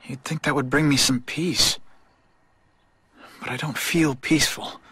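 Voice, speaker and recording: An American man playing a guilt-ridden, determined young superhero in a dramatic video game, with a slightly rough edge to his voice. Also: medium pitch, steady tone, measured pace, pushed and bright, no echo, exaggerated voice. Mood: tense, brooding. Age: young adult.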